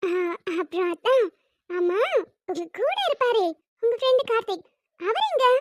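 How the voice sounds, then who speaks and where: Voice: extremely high pitch, expressive, moderate pace, dry recording. A performer doing a chatty teenage younger sister. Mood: curious. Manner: bright, chatty, playfully insistent.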